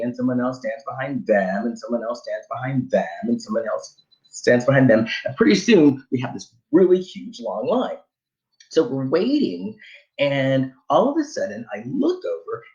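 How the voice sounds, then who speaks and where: A man telling a funny personal travel story in an animated, conversational way. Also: mid-range voice, muffled recording.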